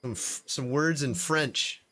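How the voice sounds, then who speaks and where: A man's voice: medium pitch, slow, bright, forceful tone. A man streaming an online game, chatting casually and laughing often as he rambles. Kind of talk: casual live gameplay commentary.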